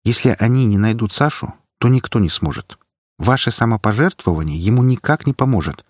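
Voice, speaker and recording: A man's voice: lowish voice, animated, fairly quick, no echo, studio quality, voice pushed up. A man voicing Svetlana, a worried, sensible young woman student who reproaches and cautions the others. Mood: pleading.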